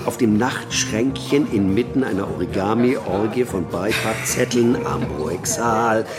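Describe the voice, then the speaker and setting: In a radio play with music underneath, an actor with a fairly low voice plays a middle-aged man telling an anecdote at a measured pace. The performance is lightly acted and naturalistic, with ornate, mock-pompous phrasing, stammered starts, and a mock-dramatic storytelling mood.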